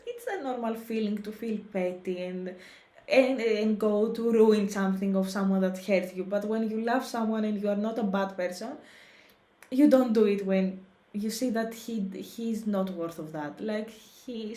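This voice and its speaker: A woman's voice: mid-range voice, a little slow, mellow, reverberant. A woman hosting a reaction video, thinking aloud in casual commentary, often restarting her sentences as she searches for words. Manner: thoughtful, restarts and hesitates often.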